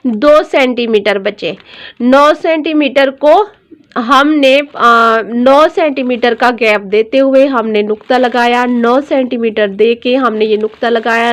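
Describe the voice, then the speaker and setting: A woman teaching a dressmaking tutorial, explaining each step patiently and repeating every measurement. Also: on the high side.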